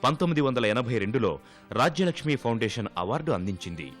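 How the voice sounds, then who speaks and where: A man's voice: medium pitch, fast. Man narrating formally over music. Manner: steady listing of dates and honors. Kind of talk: scripted documentary narration. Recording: narration with soft music underneath.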